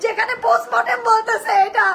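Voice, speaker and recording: A woman's voice: very high-pitched, little pitch movement, fast, creaky. A woman with a Bangladeshi accent crying hard with a snotty, tearful voice, pleading with viewers on a livestream and repeating her phrases as she wails. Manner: pleading, repeats phrases, breaks into wailing shouts. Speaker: live streamer addressing viewers. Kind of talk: emotional livestream plea to viewers.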